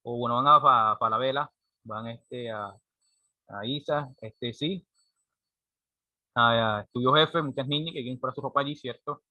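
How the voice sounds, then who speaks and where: Man, teacher, classroom lecture, bright voice, dry close sound. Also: medium pitch, moderate pace, pauses often, no room sound. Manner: explanatory, frequent rhetorical "¿cierto?" checks.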